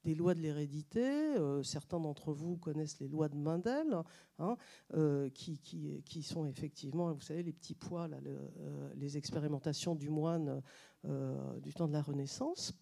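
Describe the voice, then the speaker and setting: Woman, journalist, on stage at a public talk, gravelly, mellow, hesitant, many fillers, joking. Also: low-pitched, moderate pace. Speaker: journalist and author on a panel. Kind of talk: public talk to a live audience. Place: stage at a public science event.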